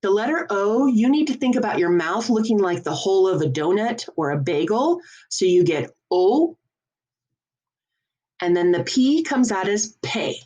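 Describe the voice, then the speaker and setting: A woman teaching a French lesson, explaining each point patiently and enunciating clearly. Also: mid-range voice, lively intonation, normal speed, hardly any pauses, a little mellow, highs cut off. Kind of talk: classroom lesson.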